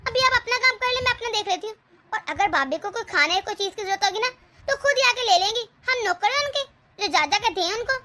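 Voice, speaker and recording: A woman's voice: extremely high pitch, bright, forceful tone, a little hiss or hum. A woman voicing a curt, dismissive young sister-in-law in a cartoon story. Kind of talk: cartoon voice acting.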